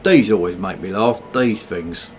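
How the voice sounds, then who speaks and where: A man's voice: deep voice, unhurried, darkish tone, soft background music. A tired man, mocking the ads he watches during a late game stream. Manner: sarcastic, mocking. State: tired, yawning. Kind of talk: casual live-stream commentary on ads.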